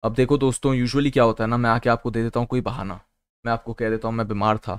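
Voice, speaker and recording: A man's voice: medium pitch, level tone, quick pace, smooth, dry recording. A young man from Kolkata chatting casually on a live stream, joking around, swearing freely and slipping English phrases into his talk. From Kolkata, India. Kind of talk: casual livestream chat. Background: faint background music.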